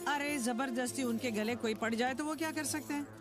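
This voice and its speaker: A woman dubbing a film role as a gentle, hesitant middle-aged mother. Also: high voice, fairly quick, close to an everyday voice. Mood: insistent. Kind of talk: Hindi film dub. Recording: film soundtrack with music behind. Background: film score.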